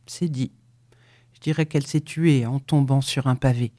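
A reader voicing a stubborn peasant man who haggles over a dead cow, gruff and protesting. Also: medium pitch, fairly even intonation, moderate pace, dark tone, no room sound, studio quality, lightly acted. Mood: haggling.

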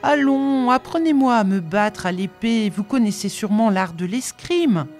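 A woman's voice: fairly high pitch, animated, normal speed, a little mellow, faint music behind, voice pushed up, natural voice. A woman reading an eager, impatient young male apprentice in a pleading, protesting storybook voice.

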